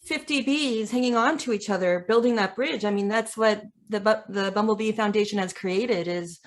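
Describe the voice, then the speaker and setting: Woman podcast co-host, soft-spoken, pauses and restarts. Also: medium pitch. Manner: hesitant, searching for words, gentle. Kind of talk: conversational interview.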